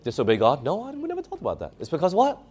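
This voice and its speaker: A man's voice: a little high, wildly swooping pitch, very fast, a little mellow, breathy edge. A man preaching a sermon, emphatic, asking the audience questions and reading scripture aloud.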